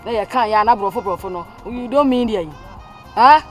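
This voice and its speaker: Here a fairly high-pitched female voice speaks quickly against faint background music in a lightly acted Twi family drama. Her role is a stern older mother giving her child a long lecture full of emphatic repetition before she starts pleading.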